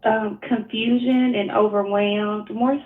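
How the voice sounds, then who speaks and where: A woman's voice: mid-range voice, fairly even intonation, unhurried. A woman with a Mississippi accent speaking hesitantly and personally as a caller seeking coaching, searching for her words. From Mississippi, United States. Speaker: call-in coaching client. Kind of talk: personal, unscripted phone conversation. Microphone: phone call. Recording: tinny narrow-band phone line.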